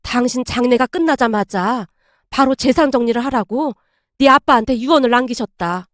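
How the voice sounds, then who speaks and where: A woman voicing a middle-aged mother who confides in a hushed, lower tone. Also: moderate pace, no echo, clean studio sound, natural voice.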